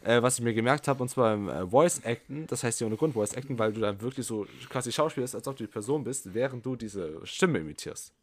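Lively, teasing young man. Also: mid-range voice. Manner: joking, animated, quick to tease. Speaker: podcast co-host. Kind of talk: casual chat.

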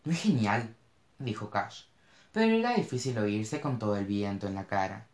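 A man narrating a novel in an expressive, animated reading style. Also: on the low side, normal speed. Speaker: audiobook narrator. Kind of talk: scripted narration. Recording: roomy echo.

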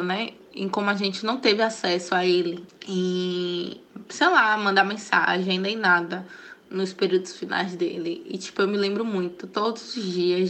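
A woman's voice: medium pitch, fairly bright tone. A woman sending a casual, chatty and heartfelt voice message to a podcast.

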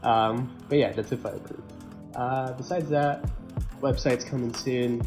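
A man chatting casually on a podcast in a laid-back, slangy way, often halting and repeating words. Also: mid-range voice, fairly even intonation, over music. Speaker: podcast co-host or guest. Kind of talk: casual chat.

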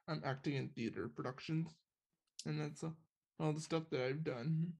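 A man's voice: a little high, fairly even intonation, moderate pace, vocal fry, a little mellow, slightly rough. A young man introducing himself plainly and a bit hesitantly in a group discussion. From California.

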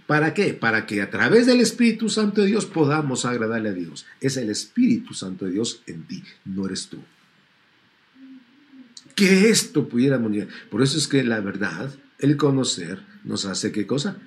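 A man preaching a sermon to a congregation, stretching out key words and asking rhetorical questions. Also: mid-range voice.

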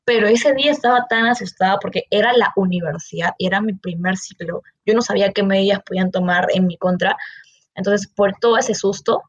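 A young woman with a Peruvian Spanish accent, a student telling an anecdote in a casual, animated way with frequent laughs. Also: mid-range voice, muffled recording. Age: young adult. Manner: animated, laughs often, quick asides. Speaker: engineering student, guest.

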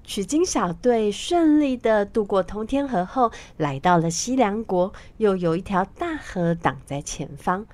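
A woman narrating a storybook tale for children in an expressive, sing-song manner. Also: medium pitch, a little slow, few pauses.

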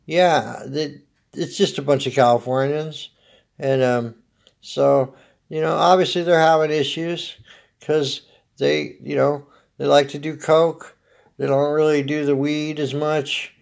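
Gravelly, slow-talking American man with smoker's rasp. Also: a little high, steady tone. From Oregon, United States. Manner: rambling, dry, laid-back, swearing. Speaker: comedian podcast host. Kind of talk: casual solo comedic monologue.

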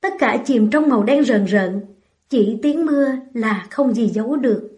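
High-voiced woman reading a sad story. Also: animated, normal speed, a little mellow. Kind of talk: first-person story reading.

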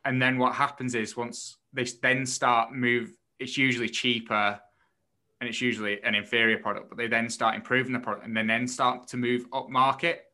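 A man's voice: medium pitch, flat delivery, normal speed, sharp tone. A man co-hosting a podcast, explaining things in casual, somewhat tentative conversation. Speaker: podcast co-host reviewing a book.

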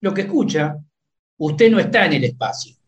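A man's voice: on the high side, big pitch swings, moderate pace. A man playing a lawyer in a comic sketch, speaking in a formal, firm and official way.

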